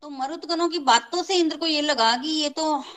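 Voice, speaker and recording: A woman with a high voice tells an old scripture story in an easy, conversational way. She repeats phrases for emphasis and talks straight to her listeners. Now and then she slips English words into her telling. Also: normal speed, a bit bright, poor audio.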